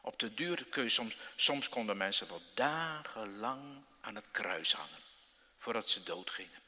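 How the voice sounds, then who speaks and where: A man preaching to children in a church, telling the story slowly and dramatically, with sudden loud outbursts and questions to his listeners. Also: on the low side, animated. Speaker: pastor. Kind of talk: children's sermon. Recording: long church reverb.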